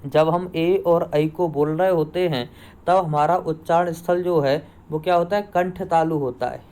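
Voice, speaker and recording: A man's voice: fairly high pitch, fairly even intonation, unhurried, a little mellow. A man teaching a Hindi grammar lesson for exam preparation, asking each question and then answering and repeating it himself. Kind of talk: online exam-prep lesson.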